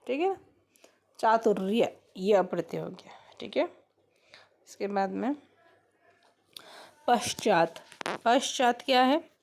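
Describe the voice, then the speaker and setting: A woman teaching a grammar lesson at an unhurried pace, her voice a little higher than most. She breaks each word down step by step and keeps asking her students questions. A gravelly creak runs through her speech. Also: a little mellow.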